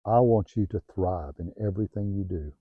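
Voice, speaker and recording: A middle-aged man with a Southern US accent gives heartfelt self-help advice, often restarting his phrases and growing quieter when he gets personal. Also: deep voice, fairly quick, breathy edge, no room sound, narrow, tinny audio. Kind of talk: earnest motivational talk to camera. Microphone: new home-video mic, dull sound.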